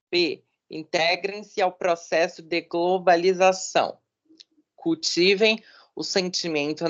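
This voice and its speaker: A woman student answering a question and reading an exam question aloud in class. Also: on the low side. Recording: dull lo-fi sound.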